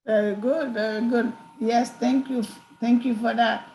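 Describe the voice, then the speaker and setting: A woman's voice: a little high, steady tone, unhurried, dark tone, reverberant, slight background noise, low-quality recording. A woman asking hesitant questions in a casual online meeting, with many fillers and restarts.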